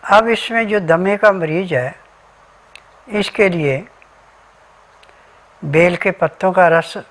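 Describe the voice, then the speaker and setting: This man's voice sits high and has a fairly bright tone, and he speaks slowly. As a remedy advisor giving a health talk, he lists ingredients and diet rules methodically, step by step.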